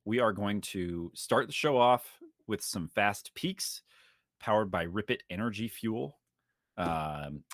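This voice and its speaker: A young man hosting a casual esports podcast, talking fast and joking around. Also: on the low side, no room sound, studio quality. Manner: energetic, jokey, fast-talking. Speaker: podcast host.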